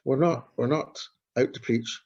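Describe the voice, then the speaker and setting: A man's voice: medium pitch, steady tone, moderate pace, a little mellow. A man, a street pastor telling earnest stories in an interview and repeating his key phrases. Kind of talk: storytelling in an interview. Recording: dull lo-fi recording.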